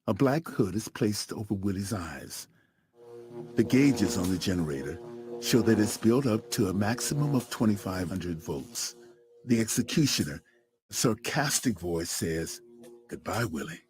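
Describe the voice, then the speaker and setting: Low, lively dramatic male storyteller. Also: over music. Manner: dramatic, with slow emphatic pauses. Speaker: narrator. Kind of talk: scripted storytelling narration.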